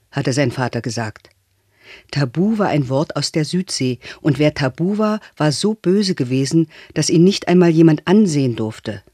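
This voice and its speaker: A man calmly reading a novel aloud as narrator, in a measured way. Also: on the high side, no room sound, studio quality. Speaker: audiobook reader.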